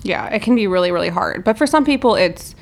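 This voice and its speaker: A woman's voice: medium pitch, lively intonation, fast talker, vocal fry. A woman co-hosting a podcast, explaining things in an informal, conversational way. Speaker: podcast co-host. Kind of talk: casual explanatory chat.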